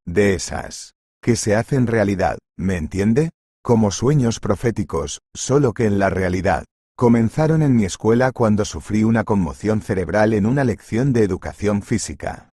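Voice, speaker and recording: A man's voice: lowish voice, warm tone, dry recording, clean studio sound. A man voicing a timid, apologetic young woman who works as a kitchen helper in a storybook reading. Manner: apologetic, hesitant.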